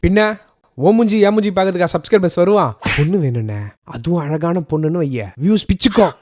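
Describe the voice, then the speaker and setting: A man's voice: high voice, animated, quick pace, noisy background. A man playing a young, wheedling schemer in a comedy sketch. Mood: persuasive. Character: scheming young slacker pitching get-rich plans.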